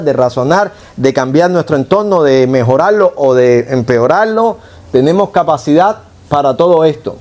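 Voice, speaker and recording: A man's voice: on the high side, darkish tone. A man preaching a conversational sermon in Cuban Spanish, asking rhetorical questions and correcting himself as he goes. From Cuba. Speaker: pastor.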